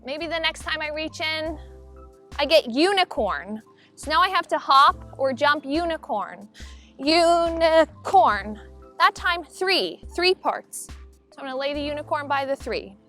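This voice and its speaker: An elementary school teacher, a woman, giving a clear, upbeat video lesson to children, demonstrating as she goes. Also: sits high, lively intonation, measured pace, pushed and bright, soft background music.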